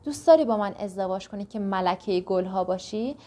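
A woman's voice: medium pitch, animated, dark tone, natural voice. Woman reading a tiny charming flower king. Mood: courteous. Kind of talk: storybook reading.

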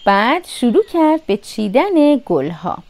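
A woman reads a children's fairy tale aloud in a lively, sing-song way. Her voice sits a bit higher and swoops expressively as she tells it. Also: faint music behind. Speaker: storyteller. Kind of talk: storybook narration.

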